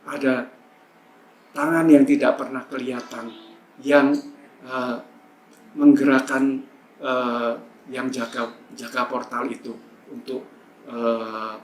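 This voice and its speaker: A man's voice: mid-range voice, little pitch movement, takes it slowly, long pauses, slight background noise. A man telling a testimony in a church service, chatty and full of fillers. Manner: chatty, storytelling, frequent fillers. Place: church hall. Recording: echoey church with faint ambience.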